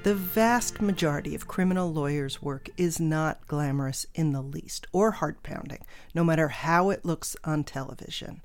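Female podcast host, medium pitch, scripted documentary narration with faint music underneath. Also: normal speed, few pauses, darkish tone.

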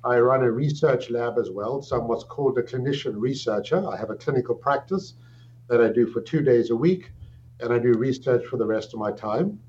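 A faint hum runs under the dull, lo-fi recording as a middle-aged South African man, a guest psychiatrist, answers an interview question about his background. His voice is medium-pitched and darkish, and he chooses his words carefully, with many pauses and restarts.

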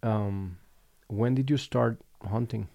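A man from Colombia hosting a relaxed conversation, speaking reflectively with frequent pauses and restarts. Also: lowish voice, vocal fry, no room sound, lo-fi sound. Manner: reflective, unhurried, with fillers and restarts. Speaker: podcast host. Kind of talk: casual conversation.

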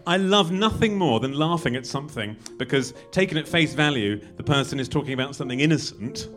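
A man voicing a bizarre old prison warden with a thick Turkish accent, who talks in a theatrical, booming way that is hard to understand. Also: lively intonation, fairly quick, a bit bright, natural voice. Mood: delighted. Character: bizarre old male prison warden, menacing then giggly. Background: music.

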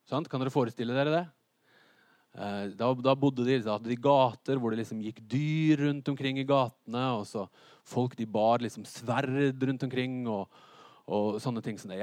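A man preaching a sermon to a congregation. He is lively and theatrical, asks the hall questions and builds up to shouts. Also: mid-range voice.

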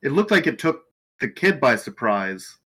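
A man's voice: mid-range voice, big pitch swings, moderate pace, a bit bright, slightly rough. A man playing a tabletop game who asks hesitant questions. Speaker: player. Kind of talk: casual tabletop game play.

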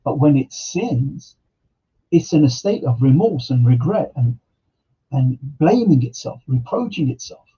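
A man with a very dark, husky voice gives a reflective religious talk, asking rhetorical questions and reciting Arabic scripture. The podcast audio sounds dull and lo-fi. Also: mid-range voice, big pitch swings, a little slow. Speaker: Islamic teacher. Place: podcast studio.

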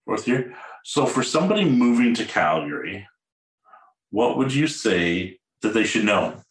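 A man's voice: fairly low pitch, sing-song, measured pace, roomy sound, poor audio. A man from Edmonton hosting a podcast, upbeat and casual, often repeating words as he talks. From Edmonton, Canada. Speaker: podcast host, realtor. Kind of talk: podcast interview.

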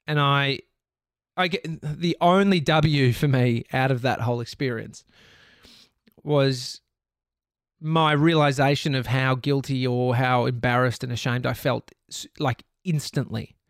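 A man's voice: mid-range voice, no room sound, studio quality. A man with an Australian accent hosting a podcast, telling a personal story in a candid, rambling way and swearing freely. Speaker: podcast host. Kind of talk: casual storytelling monologue.

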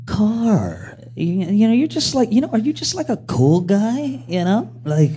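A man's voice: sits high, very animated, unhurried, warm tone, husky, heavily acted. A man voicing a naive, nervous young man who rambles with constant fillers, in a script reading. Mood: rambling. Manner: rambling, filler-heavy, "you know" every line.

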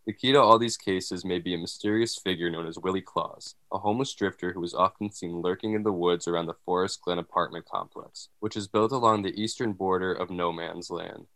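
Deep-voiced man hosting a podcast. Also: fairly even intonation, fairly quick, few pauses, fairly bright tone, no echo. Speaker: podcast host. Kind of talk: scripted investigative podcast narration. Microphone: video call.

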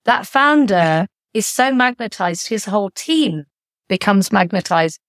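A middle-aged woman, a founder and author, talks through her experiences in a thoughtful interview voice. Her pitch sits in a middle range and the recording is dry and close-miked. She gets lively whenever she retells a story. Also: measured pace, dry recording. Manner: reflective, animated when retelling stories. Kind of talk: conversational interview.

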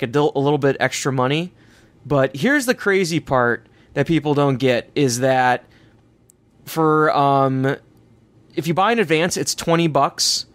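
Upbeat guy chatting, slightly high voice, dry close mic. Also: a bit bright, no room sound. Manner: upbeat, quick to laugh, uses fillers. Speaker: podcast co-host. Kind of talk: casual chat.

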